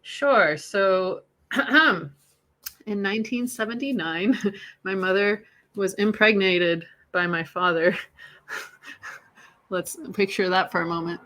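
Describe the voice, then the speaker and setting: Bright-voiced woman from Iran, chatty. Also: medium pitch, takes it slowly, long pauses. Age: 40s. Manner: chatty, swears freely, laughs through dark memories. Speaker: podcast host sharing her story. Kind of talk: candid casual conversation.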